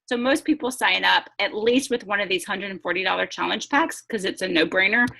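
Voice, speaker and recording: An upbeat woman talks through a casual online presentation, chatty and quick to laugh. Her pitch sits in the middle range, and she is heard through a video-call mic. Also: vocal fry, pushed and bright. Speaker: host.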